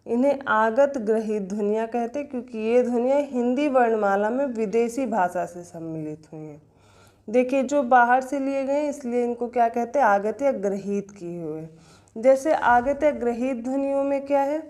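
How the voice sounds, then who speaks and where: A woman's voice: on the high side, moderate pace, a little mellow. A woman teaching an exam-prep grammar lesson, explaining step by step and answering her own questions.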